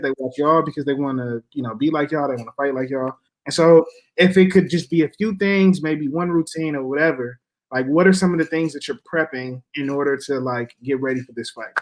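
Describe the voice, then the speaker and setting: A male interviewer with a voice a little higher than most men's. He puts his questions casually, in loose, slangy phrasing, as in a relaxed fight interview. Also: brisk, poor audio. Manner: informal slangy talk with colloquial y'all.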